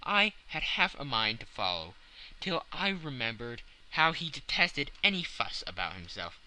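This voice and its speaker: A man's voice: medium pitch, very animated, unhurried, pushed and bright, poor audio. A man narrating classic fiction as a dramatic scripted audiobook.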